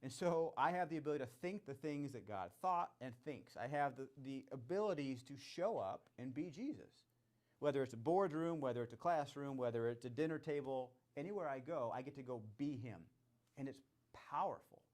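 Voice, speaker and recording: A man's voice: medium pitch, expressive, brisk, darkish tone. A man hosting a charity year-end celebration, giving an enthusiastic, conversational welcome and faith talk with repeated phrases.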